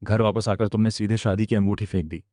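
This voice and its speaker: A man narrating a comic-style story recap in a steady, dramatic storytelling manner. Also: fairly low pitch, fast talker, no echo.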